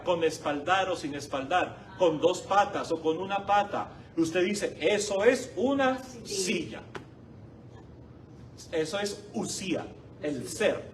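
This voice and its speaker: A male parish teacher leads a Bible class in an unhurried, high voice. He keeps asking his students questions and repeats each key word. He is recorded from across a church hall classroom, with a faint hiss behind him. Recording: distant mic, faint background noise.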